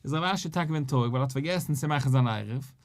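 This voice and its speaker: A man's voice: mid-range voice, very fast. A man with a Yiddish accent teaching a daily Talmud lesson, acting out the questions and answers of the sages. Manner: animated, acts out questions and answers between sages.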